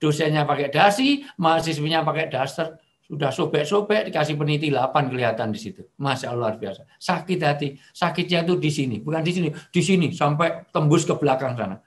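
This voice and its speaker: A middle-aged man preaching over a video call, lively and joking, now and then acting out angry shouting. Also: a little high, brisk. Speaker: Islamic preacher. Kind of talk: online religious talk.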